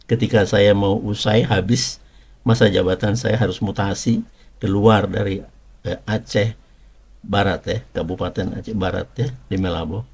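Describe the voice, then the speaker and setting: A man's voice: fairly low pitch, steady tone, normal speed, creaky, darkish tone, husky. A middle-aged man preaching and telling a personal testimony, in a conversational style full of rhetorical questions and emphatic repetition.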